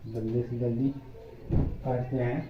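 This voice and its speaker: A man's voice: medium pitch, little pitch movement, unhurried, background noise. A young man from India vlogging casually while cleaning his village home, joking and rambling to viewers, a bit out of breath, recorded on a phone with no mic. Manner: chatty, jokey, rambling, addresses viewers as brothers. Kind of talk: casual vlog chat. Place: village house, cleaning rooms. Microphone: phone camera, no external mic. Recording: dull lo-fi phone audio in an echoey room.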